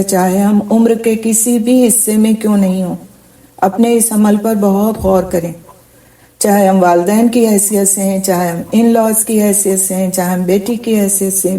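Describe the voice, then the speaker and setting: A woman's voice: mid-range voice, dark tone. Earnest woman teacher, distant mic. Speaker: Quran teacher. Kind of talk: Quran commentary lecture.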